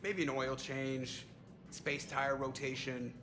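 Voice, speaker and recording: A man's voice: mid-range voice, level tone, slow pace, natural voice. An actor playing a cocky male starship pilot who jokes sarcastically. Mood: joking. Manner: sarcastic, joking. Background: game music.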